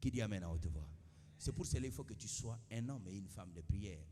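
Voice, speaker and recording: A male pastor preaching a sermon, calling for amens and swinging from quiet asides to shouts. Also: lowish voice, expressive, a little fast, in a large hall, noisy background. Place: church.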